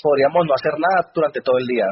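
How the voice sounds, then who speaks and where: A man's voice: a little high, very fast, husky. A man giving a motivational business speech, telling anecdotes and jokes. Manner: anecdotal, storytelling. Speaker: speaker at a business event. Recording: dull lo-fi recording.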